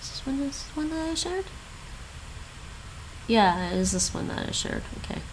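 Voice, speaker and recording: Speaking at a normal speed with a high voice and big swings in pitch, she's heard over a noisy background. The English-Chinese bilingual woman casually chats through a language-learning stream, voicing her thoughts and repeating foreign expressions.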